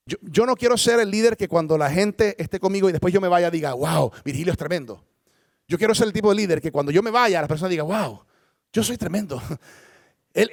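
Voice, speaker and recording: Brief: male pastor, higher-pitched voice, dry close sound, emphatic sermon delivery with big swings. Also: no room sound. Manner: emphatic, dramatic swings in pitch and loudness, rhetorical questions.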